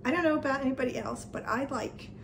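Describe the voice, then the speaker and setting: A middle-aged woman from Northern New Jersey vlogs casually at home, rambling with plenty of fillers and little laughs. Her voice sits high and creaky, she talks quickly, and there's background noise.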